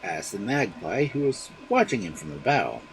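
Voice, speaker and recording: Expressive male fairy-tale storyteller. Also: lowish voice, normal speed, slight background noise, low-quality recording. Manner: expressive, dramatic read-aloud. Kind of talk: fairy-tale reading on a livestream.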